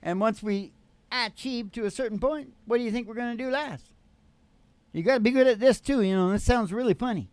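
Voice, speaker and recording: Speaking briskly in a very high-pitched voice with no room sound, an older man leads a casual, meandering chat in a folksy way, frequently repeating himself. He's a podcast host and musician using a mic on a stand in a small curtained stage studio indoors. Acoustic guitar strums in the background.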